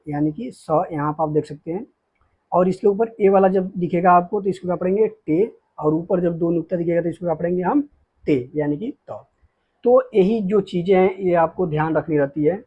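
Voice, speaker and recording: A man teaching beginners the Urdu alphabet, patiently explaining each letter and often checking with a quick "okay". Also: high voice, slightly rough, dull audio. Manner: slows down to spell out letters.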